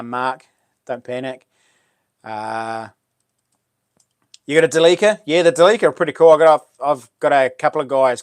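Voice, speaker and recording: A man's voice: mid-range voice, smooth, no echo. Man with a broad Kiwi accent, close-sounding. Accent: New Zealand. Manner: broad, laid-back Kiwi slang, matey address. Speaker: live stream host. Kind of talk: casual livestream chat, reading out comments.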